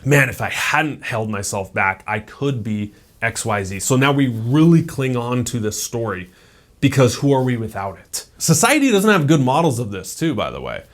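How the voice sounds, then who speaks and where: A man's voice: mid-range voice, sing-song, normal speed. A man in his thirties giving a casual, conversational motivational talk as a self-improvement YouTuber, peppering his speech with "like" and "right?".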